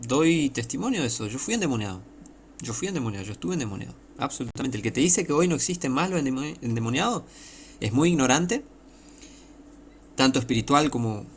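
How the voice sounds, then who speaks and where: Male preacher, Argentine accent, gravelly mid voice, emphatic and repetitive. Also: mid-range voice, slight background noise. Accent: Argentine Spanish. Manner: emphatic, repetitive, many rhetorical questions. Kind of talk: sermon, informal teaching.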